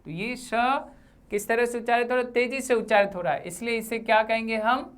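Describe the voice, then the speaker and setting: A woman teaching Hindi grammar for exam preparation over slides, saying each sound slowly with example words. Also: a little high, steady tone. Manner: slow, deliberate, spells out sounds with example words. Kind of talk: exam-prep lesson.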